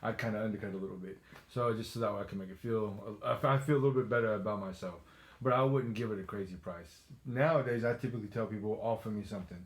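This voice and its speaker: A man co-hosting a casual sneaker chat show with a noticeable accent, easygoing and quick to laugh, often restarting his phrases. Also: on the low side. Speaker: co-host. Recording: echoey room.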